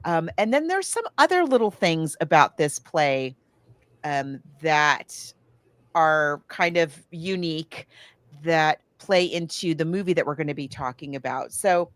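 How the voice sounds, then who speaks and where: This American podcast co-host has a low, fairly bright voice and speaks animatedly but a little slowly, with no room sound. Her talk is a casual discussion of books and films, told as conversational stories with frequent backtracking.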